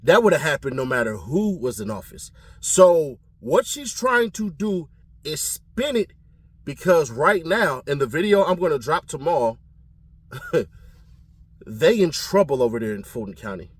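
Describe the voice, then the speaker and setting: A man from California giving casual commentary on his channel, animated and slangy, often laughing. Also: fairly high pitch, unhurried, breathy edge, no room sound. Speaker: commentary vlogger.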